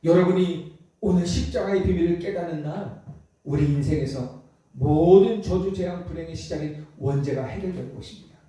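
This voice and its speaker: A male pastor delivers an emphatic sermon and keeps putting questions to his listeners. His voice sits high but sounds mellow and dark. It comes from a distance and echoes through a large church hall. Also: moderate pace. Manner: emphatic, many rhetorical questions to the congregation. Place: church sanctuary.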